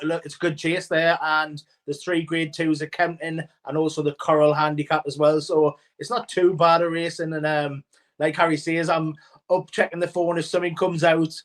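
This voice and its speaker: A man's voice: fairly high pitch, a bit bright. A man co-hosting a casual horse racing chat who talks hesitantly and restarts his sentences often. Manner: hesitant, many fillers and restarts. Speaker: co-host and racing tipster.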